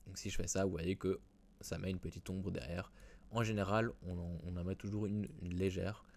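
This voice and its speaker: A man walks through a software tutorial in a casual way, with many fillers and restarts. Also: deep voice, steady tone, moderate pace, gravelly. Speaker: WordPress tutorial host. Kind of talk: screen-recorded software tutorial.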